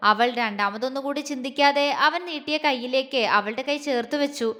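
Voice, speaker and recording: A woman storyteller reads a romance story aloud in a gentle, expressive way. Her voice sits high and sounds bright. A long reverberant tail hangs on her words. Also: a little fast. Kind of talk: scripted romance story narration.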